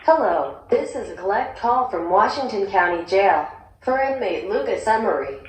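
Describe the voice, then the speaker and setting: An automated woman's voice announcing a collect call from a jail payphone, with a flat, recorded operator delivery. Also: medium pitch, moderate pace. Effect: automated jail payphone collect-call message. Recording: very echoey playback over a phone.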